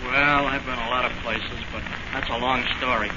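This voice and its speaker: A man acting a humble, down-on-his-luck ex-fighter in an old radio drama. He is mid-pitched, hesitant and deferential, using folksy slang, on a muffled and noisy recording. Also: steady tone, normal speed, lightly acted. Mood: modest. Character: humble, down-on-his-luck former boxing champion and father.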